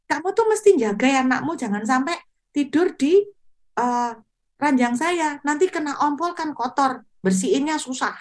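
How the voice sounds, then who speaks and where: A woman's voice: high-pitched, lively intonation, moderate pace, voice pushed up. A woman voicing an angry boarding-house landlady who scolds a tenant. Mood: scolding.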